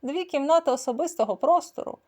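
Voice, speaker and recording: A scruffy ginger alley tomcat, put on by a woman reading a children's story. He talks loudly, with swagger and mock gallantry, his voice rising and falling in lively swings. It sounds like a storybook rascal showing off. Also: sits high, fast, voice pushed up. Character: scruffy ginger male alley cat, brawler.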